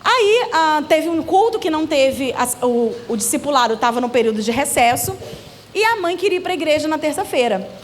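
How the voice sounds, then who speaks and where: A Brazilian woman with a high voice tells stories at a church seminar. She is lively and acts out the other people in her stories. Faint noise sits behind her. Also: fairly quick. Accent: Brazilian Portuguese. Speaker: children's ministry leader and speaker. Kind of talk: storytelling talk at a church seminar. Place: church event hall.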